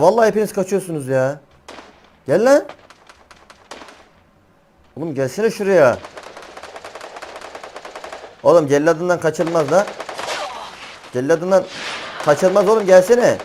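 A young gaming channel host comments on his gameplay in a fairly high, slightly mellow voice at normal speed, with long pauses. He's chatty, slangy and often exasperated, with gunfire and game sounds running underneath.

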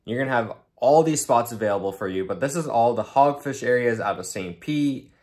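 On an open sea boat and indoors, a young adult fishing host chats enthusiastically through his tackle, gear and favorite spots in casual vlog narration. His medium-pitched voice is expressive, a little fast and darkish, captured with clean studio sound and no echo.

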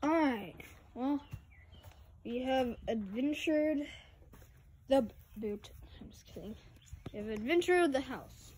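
A woman's voice: sits high, expressive, slow, pauses often, slight background noise. Chatty woman filming outdoors on a phone. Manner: chatty, dips into hushed asides. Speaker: vlogger exploring an abandoned farm. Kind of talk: casual handheld exploration vlog. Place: outdoors in an overgrown rural yard and derelict buildings. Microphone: phone camera held by the speaker.

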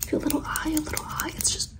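A woman doing a whispered role-play in fast ASMR whispering, repeating short phrases rapidly in a soothing, reassuring way. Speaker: ASMR performer.

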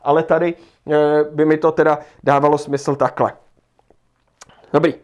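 A man's voice: a little high, level tone, dull audio. Man teaching, thinking aloud. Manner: thinks aloud, rereads passages, many fillers. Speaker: Czech language teacher. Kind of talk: livestream lesson walking through an exam.

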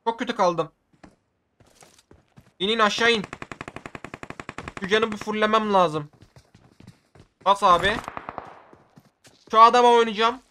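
A man giving excitable gameplay commentary for his video, often shouting at the game and using casual slang. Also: high voice, moderate pace, pauses often, a little hiss or hum. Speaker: gaming video creator.

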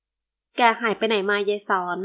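A woman voicing a young woman who scolds her late-coming friend out of worry, speaking slowly and indignantly. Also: bright, forceful tone. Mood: scolding.

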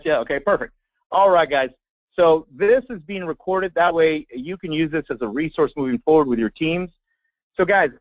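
An American man leading a live online sales training as a marketing trainer, with an emphatic, folksy pitch addressed straight to his listeners. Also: no echo. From Texas, United States. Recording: dull lo-fi web conference audio.

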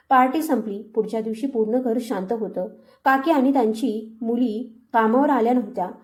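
A woman reads a heartfelt first-person story in a steady, scripted narration. Her voice sits fairly high but sounds mellow and soft, not bright.

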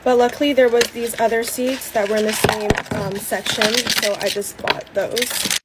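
A woman's voice: on the high side, level tone, normal speed, very noisy. Chatty teen girl doing a makeup vlog. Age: late teens. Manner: chatty, casual, filler-heavy. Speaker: beauty vlogger. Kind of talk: get-ready-with-me vlog chat.

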